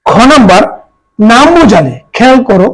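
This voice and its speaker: A teacher patiently leads an exam-prep grammar lesson in a sing-song, middle-pitched voice, repeating each example word slowly. The audio is poor.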